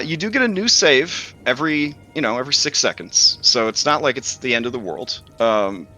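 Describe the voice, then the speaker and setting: Bright-voiced man running a tabletop game. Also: medium pitch. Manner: informal, joking, sweary. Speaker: game master. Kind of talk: casual tabletop game narration.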